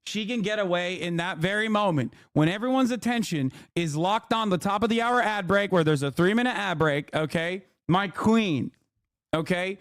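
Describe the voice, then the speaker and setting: A man's voice: high-pitched, moderate pace, fairly bright tone, clear, resonant tone, no echo, studio quality. A man in his thirties, a streamer giving casual, profane, mocking commentary on a clip of himself.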